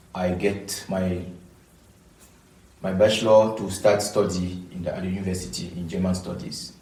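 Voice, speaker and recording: A man from Cameroon, answering podcast interview questions in a halting way, often repeating and restarting words. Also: low-pitched, mellow, recorded from a distance. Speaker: guest scholar. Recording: echoey room.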